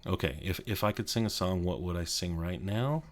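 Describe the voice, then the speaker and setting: In his home office, a Colorado YouTuber in his 30s talks in a quiet, deep voice for a soft ASMR chat. His speech wanders with frequent fillers and false starts, hushed so he won't wake a sleeping child.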